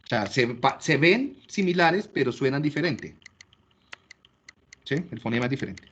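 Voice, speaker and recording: A man's voice: medium pitch, lively intonation, moderate pace, fairly bright tone, husky, highs cut off. A man giving a classroom lecture, explaining step by step and often checking that listeners follow. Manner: explanatory, checks understanding with frequent rhetorical questions.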